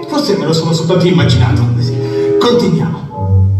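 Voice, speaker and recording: Italian puppet voice: fearful, stammering old carpenter, children's theatre, distant and heavily reverberant. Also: male voice, fairly high pitch, wildly swooping pitch, normal speed, loud music behind the voice. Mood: eager, puzzled. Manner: exclaiming, stammering. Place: indoor puppet theatre stage, heard through the hall. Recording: echoey theatre hall from far off.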